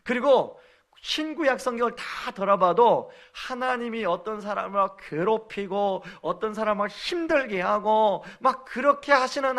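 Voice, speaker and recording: Male pastor, high voice, earnest sermon delivery in a church. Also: a bit bright. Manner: earnest preaching, acts out quoted lines. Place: church sanctuary.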